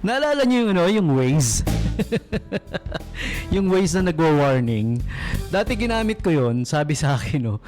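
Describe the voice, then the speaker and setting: A Filipino radio DJ hosts a late-night show from the studio, joking casually, mixing English into Tagalog and playfully mimicking cat calls. His fairly high voice is very animated at normal speed, with music playing behind the broadcast.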